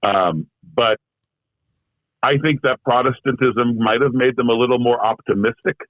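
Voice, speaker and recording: A translator with a mid-range male voice joins a casual conversational interview by remote call, and his audio sounds tinny and phone-like but dry. Speaking at normal speed, he wanders through his thoughts with many fillers and restarts.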